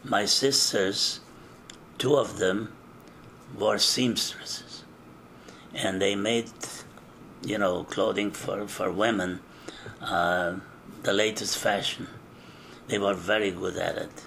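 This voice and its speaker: An older man from eastern Czechoslovakia giving an oral history interview, recalling things in a slow, measured way with frequent hesitations. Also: on the low side, steady tone, vocal fry, a bit bright, a little hiss or hum.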